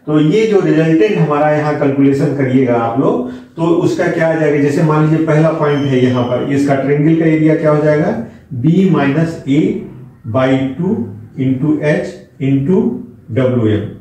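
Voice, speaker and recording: A man's voice: fairly high pitch, normal speed, mellow, recorded from a distance. A male engineering lecturer explaining a derivation step by step and talking straight to his students. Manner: step-by-step, mixes Hindi and English terms, talks to students directly. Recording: echoey room, speaker away from mic.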